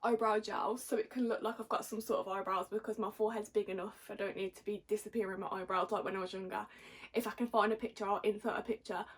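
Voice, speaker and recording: A woman's voice: mid-range voice, fairly even intonation, fast, breathy edge. A young Englishwoman chatting casually to camera in a giggly, tipsy, rambling and slangy way. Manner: rambling, slangy, self-mocking. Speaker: vlogger.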